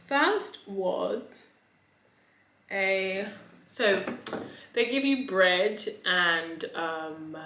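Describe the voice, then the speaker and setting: A woman's voice: lowish voice, a bit bright. Campy woman vlogger in an echoey room. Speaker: restaurant review vlogger. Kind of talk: casual, chatty video review. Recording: echoey, roomy voice recording.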